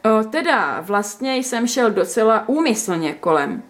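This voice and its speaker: A woman reading a story aloud, voicing a teasing, mock-gallant young man in her own lively voice. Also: a little high. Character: teasing, cheeky young man, the story's first-person hero.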